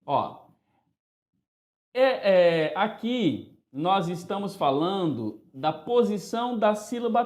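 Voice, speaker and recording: Lively, high-voiced male grammar teacher. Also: roomy sound. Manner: animated and playful, calls out words in a singsong to mark the stress. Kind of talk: classroom grammar lesson.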